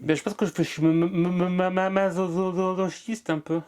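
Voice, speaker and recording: A man's voice: sits high, level tone, moderate pace, darkish tone, clear, resonant tone, faint music behind. A man from Marseille who is a comedian, talking in an interview with a strong stutter and many repeated sounds. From Marseille, France. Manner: strong stutter with frequent repetitions. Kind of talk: interview conversation.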